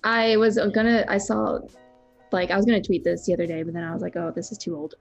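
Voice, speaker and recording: A woman's voice: fairly low pitch, quick pace, vocal fry, faint music behind. A woman in her late twenties co-hosting a podcast, chatting and reading out listener questions. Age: late 20s. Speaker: podcast co-host. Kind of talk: casual podcast chat.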